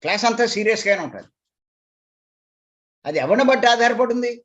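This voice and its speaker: A man's voice: very high-pitched, lively intonation, brisk, fairly bright tone. A man, a meditation teacher, explaining earnestly and emphatically to his followers in a spiritual talk, repeating points to drive them home. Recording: dull lo-fi recording.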